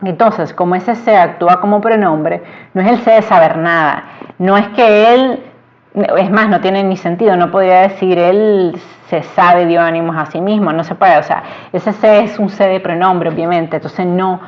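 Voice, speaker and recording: A woman from Latin America teaching a Spanish grammar lesson, explaining slowly and stressing her example sentences. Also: lowish voice. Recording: dull lo-fi sound.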